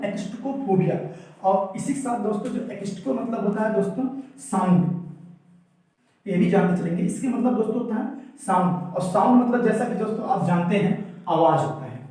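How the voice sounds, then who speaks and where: A high-pitched man teaches a vocabulary lesson in a strongly echoing room. He explains each word, then asks the viewer to repeat it back. He sits well away from the mic. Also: mellow. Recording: echoey room, mic far off.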